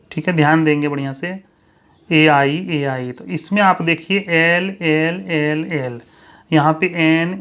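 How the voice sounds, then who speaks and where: A man's voice: fairly high pitch, a bit bright. A man teaching English pronunciation rules in a spoken lesson, drawing out and repeating each example.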